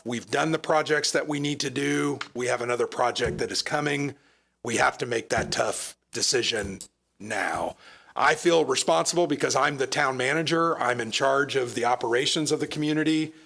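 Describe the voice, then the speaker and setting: Hoarse guy at a town council mic, raspy, kinda gravelly, earnest explaining. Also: medium pitch, normal speed, fairly bright tone. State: losing his voice. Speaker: town manager. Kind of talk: presenting at a council meeting. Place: council chamber.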